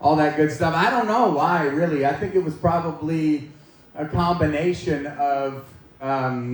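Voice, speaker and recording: A man in his forties from Maine, United States, speaks as a guest at church, giving an informal personal testimony to a gathering in a large, echoey indoor room. His voice is a little high, and he jokes and pokes fun at himself. The recording is echoey, with a distant mic and faint noise.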